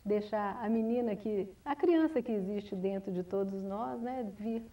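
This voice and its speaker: A woman writer, answering interview questions in a measured, reflective way, often restarting and adding "né?". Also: medium pitch, mellow. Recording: distant mic, 1990s TV studio recording.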